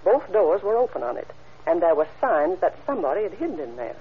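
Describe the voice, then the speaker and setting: In this muffled old radio recording with background hiss, a woman speaks at a fairly low pitch in a quick, sing-song way. She's an actress in a vintage crime drama, playing an observant, obliging witness who gives her testimony carefully, helpfully, and matter-of-factly.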